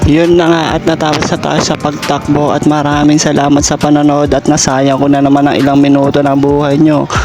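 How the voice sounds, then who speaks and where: A man's voice: a little high, monotone, fairly quick. A man with a Filipino accent narrating a casual vlog in a jokey, self-deprecating way, as its host. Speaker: vlogger host. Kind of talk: casual scripted vlog narration with joking asides. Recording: music behind the voice. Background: music.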